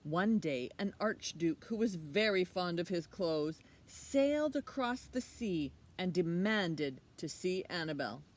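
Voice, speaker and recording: At a measured pace with hardly any pauses, a middle-aged woman speaking on the low side hosts an outdoor children's storytime beside a leafy hedge. She reads a picture book and teaches a lesson, using simple, expressive talk and questions aimed at young kids. Faint noise marks the outdoor recording.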